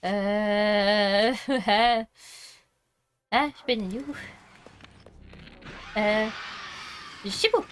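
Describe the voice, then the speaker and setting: A young French woman streaming a video game, chatting to her viewers with excitable, panicky repetitions and lots of laughter. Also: mid-range voice, drawn-out words, pauses often, noisy background. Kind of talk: live gameplay commentary.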